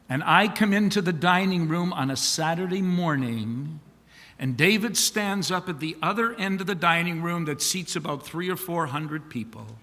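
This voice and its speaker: A man, a rabbi, giving a eulogy with animated joke-telling and folksy asides in a synagogue sanctuary. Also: high voice. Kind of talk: eulogy with humorous storytelling. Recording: long reverb of a large hall.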